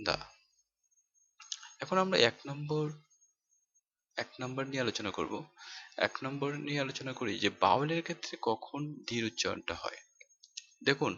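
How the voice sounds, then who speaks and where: A man teaching English pronunciation, explaining each rule slowly, repeating phrases and asking rhetorical questions. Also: medium pitch, bright, forceful tone. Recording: dull lo-fi home recording.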